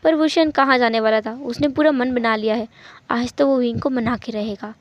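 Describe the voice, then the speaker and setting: A woman's voice: on the high side, fairly even intonation, normal speed, no echo. A woman narrating a fan fiction story in a chatty way, mixing in English words and talking to viewers. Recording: dull lo-fi home recording.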